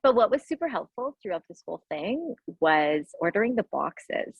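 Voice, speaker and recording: Husky-voiced woman guest chatting on a call, muffled lo-fi sound, lots of "like". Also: mid-range voice, very animated, normal speed, no echo. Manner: warm, laughing, uses "like" a lot. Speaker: guest author and coach. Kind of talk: casual interview chat. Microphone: video call.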